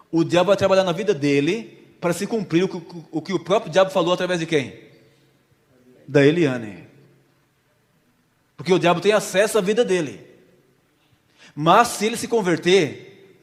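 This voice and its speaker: A man preaches to his congregation, acting out a story and throwing questions at the listeners. His voice sits somewhat high for a man. It rings out with a long reverb from the church hall. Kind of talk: sermon with a volunteer illustration.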